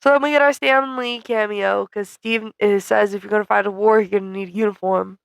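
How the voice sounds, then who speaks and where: A female podcast co-host recapping a film with wry, teasing humor. Her voice is at an ordinary pitch for a woman, with a gravelly fry running through it. The sound is dry and close to the mic. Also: steady tone, brisk, dry recording. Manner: wry, teasing, sarcastic asides. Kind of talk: casual movie review chat.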